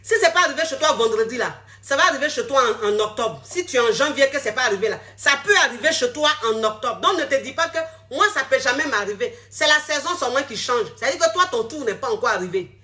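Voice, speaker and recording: Blunt, high-voiced woman scolding her viewers. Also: animated, fast, few pauses, sharp tone. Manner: blunt, scolding, repeats herself. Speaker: relationship coach. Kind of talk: direct-to-camera social media talk.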